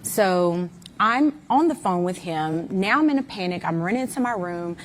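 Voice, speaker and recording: A woman's voice: fairly low pitch, animated, moderate pace, slight background noise. A mother giving an interview guest's candid, emphatic account of events, with many fillers.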